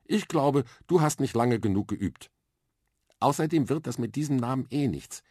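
A man's voice: medium pitch, expressive, moderate pace, darkish tone, no echo, clean studio sound, pitched above the performer's own voice, lightly acted. A man voicing a bold, impatient and chatty young girl in a children's radio story, cheeky and self-assured.

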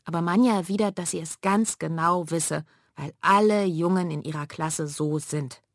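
A woman reading a children's story aloud in a lively, expressive way. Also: lowish voice, normal speed, dry recording, clean studio sound. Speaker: narrator.

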